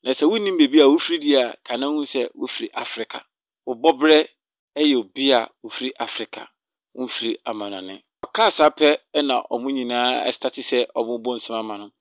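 A middle-aged man with a handheld microphone, telling an animated story to an audience at an outdoor ceremony. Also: medium pitch, a little fast, no echo, studio quality. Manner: animated storytelling, quoting others. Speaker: speaker at the ceremony. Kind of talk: storytelling address. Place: outdoor event stage.

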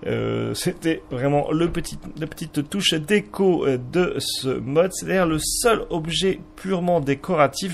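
A man's voice: medium pitch, creaky, a little hiss or hum. A man hosting a casual screen-recorded game tutorial, chatty and loose, with joking asides.

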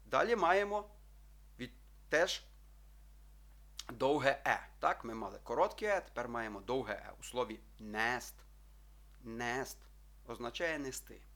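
Bright-voiced male language teacher. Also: medium pitch, lively intonation. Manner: addresses listeners as friends, checks with frequent "так?"; slow, drawn-out model pronunciations. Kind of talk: explanatory video lesson.

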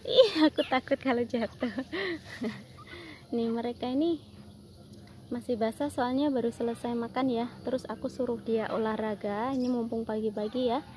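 A woman's voice: on the high side, steady tone, normal speed, a little mellow, a little hiss or hum. A woman vlogging outdoors with her pet squirrels, coaxing them in a giggly, sing-song voice and calling their names over and over. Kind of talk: casual vlog, coaxing pets. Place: outdoors by a tree in the morning.

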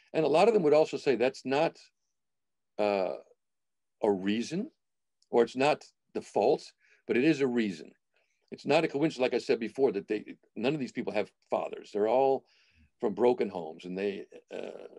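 A man's voice: on the low side, dark tone, dry recording. A man in his forties, a film director from the United States, speaking reflectively over a video call from a small home room and often restarting his phrases. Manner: reflective, restarts phrases while thinking aloud. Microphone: video call webcam.

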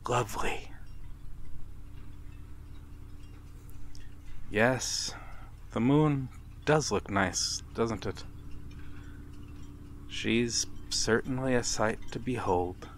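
A man with a mid-range, natural voice plays a wistful, courteous old-world vampire stranger by a harbour in a slow, intimate ASMR roleplay monologue. He speaks gently and formally, haltingly, with soft chuckles and sighs, in a soft, inviting mood. There's a little hiss or hum in the recording.

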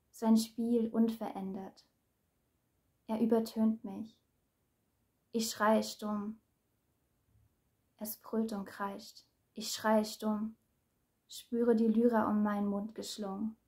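A woman reciting her own dramatic spoken-word speech, slow and measured, sinking at times into a hush. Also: fairly high pitch.

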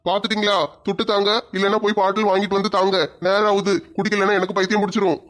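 A woman's voice: medium pitch, little pitch movement, very fast, voice pushed down, lightly acted. A woman playing a drunk, boastful male thief who bullies his wife in a comedy skit. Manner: bullying, slurring threats.

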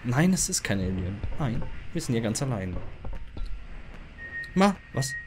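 A man's voice: medium pitch, sing-song, moderate pace, over music. Jumpy panicky man playing a horror game. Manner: jumpy, panicky, keeps calling out and yelping. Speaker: let's play host.

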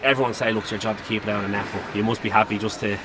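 An Irish man asks long, chatty questions at a quick pace, his voice slightly low. He is outdoors at a stadium, with clear traffic noise behind him. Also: steady tone. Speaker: club interviewer. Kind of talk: post-match interview questions.

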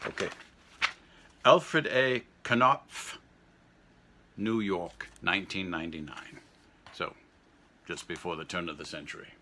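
Older male vlog host, very low but bright, forceful voice; rambling and halting. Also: steady tone, slight background noise. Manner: rambling, halting, chuckling between thoughts. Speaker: guitar channel host.

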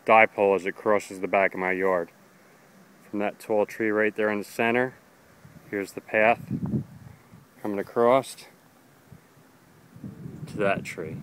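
Low-voiced man explaining backyard DIY. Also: a bit bright, clear, resonant tone, low-quality recording. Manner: plain, practical, talks through each step with fillers. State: tired, catching his breath. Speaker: amateur radio hobbyist, DIY video maker. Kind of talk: casual how-to narration while working outdoors. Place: backyard outdoors.

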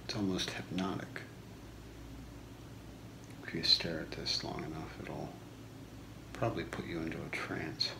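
A man in his thirties doing a whispered role-play as a shopping channel host, soft-spoken, with a slow, deliberate product pitch in a small room. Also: steady tone. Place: small home room, indoors. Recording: echoey room with clear background noise.

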